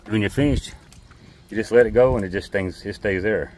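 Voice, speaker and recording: A middle-aged man, the boat's captain, explaining a repair in a relaxed, plain-spoken way, recorded outdoors on a docked boat. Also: lowish voice, fairly quick, very noisy. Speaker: boat captain, vlog co-host. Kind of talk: casual how-to vlog.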